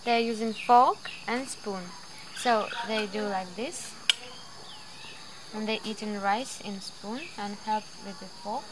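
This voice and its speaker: A woman's voice: medium pitch, steady tone, slow pace, background noise. A woman on a casual vlog, explaining things simply in short plain sentences at an outdoor cafe. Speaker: travel vlogger.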